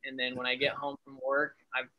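A man's voice: medium pitch, completely flat delivery, a little fast. A young adult man, an Air Force family medicine resident, chatting in an upbeat way and laughing easily over a video call. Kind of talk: casual video-call interview. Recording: dull video-call audio.

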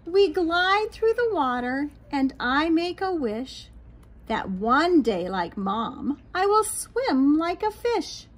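On a small backyard patio, a middle-aged American woman, a teacher who hosts children's read-alouds, reads a picture book to young children. Her high-pitched voice is slow, expressive and sing-song, with light outdoor background noise.

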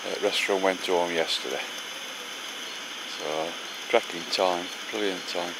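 This middle-aged vlogger, filming a camping trip, talks to a handheld camera held at selfie distance, his deep voice steady and a little slow. The outdoor audio carries clear background noise as he trades chatty, affectionate banter.

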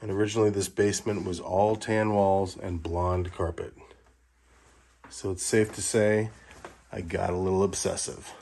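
A middle-aged man from Los Angeles narrating a tour of the video store he built at home, in a relaxed, wry, matter-of-fact way. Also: deep voice, normal speed, vocal fry. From Los Angeles, California.

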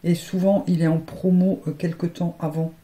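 A woman's voice: fairly low pitch, little pitch movement, normal speed, very noisy. A woman vlogger chatting casually while unboxing, often stumbling and repeating words. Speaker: beauty vlogger. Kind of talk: casual chat unboxing advent calendars.

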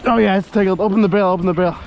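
A young man, his voice sitting a little high, talks in quick excited bursts as he fishes off a pier at night. Wind and water noise run steadily behind him on the body-worn camera. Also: highs cut off. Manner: excited, joking, short instructions. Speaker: angler filming his fishing trip. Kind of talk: casual chat while fishing at night. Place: outdoors on a lake pier at night.

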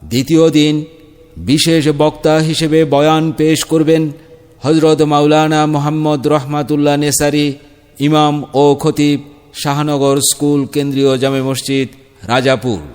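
A man reading a formal event announcement as if over a public loudspeaker, in a measured public-address delivery. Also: fairly high pitch, level tone, smooth. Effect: announcement sounding through a loudspeaker with long reverb.

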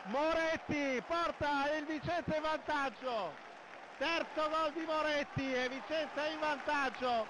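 A man giving excited, breathless football goal commentary, shouting emphatically in short repeated phrases. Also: very high-pitched, measured pace. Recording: loud stadium crowd noise behind broadcast commentary. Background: stadium crowd ambience.

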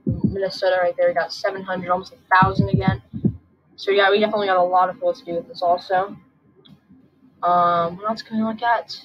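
A woman with a sore throat, just woken up, hosting a casual weather forecast and thinking aloud as she goes. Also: fairly low pitch. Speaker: channel host. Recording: dull lo-fi recording with soft background music.

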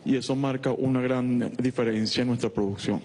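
A man in his fifties with a Venezuelan accent, giving a formal report as a business representative in a measured, halting way. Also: mid-range voice, fairly even intonation, a little mellow. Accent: Venezuelan Spanish. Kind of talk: formal spoken report at a meeting. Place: televised conference hall. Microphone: handheld microphone.

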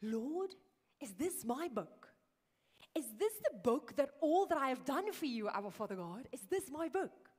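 A woman voicing an excited male pastor who pleads with God. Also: sits high, measured pace. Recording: reverberant church hall.

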